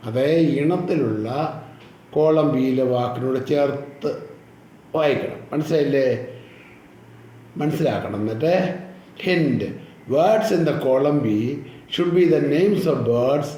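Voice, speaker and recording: A man with a Malayali accent, teaching children an English lesson slowly and patiently and spelling words out letter by letter. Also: fairly high pitch, warm tone, reverberant, slight background noise. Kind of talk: explaining a school English text in Malayalam.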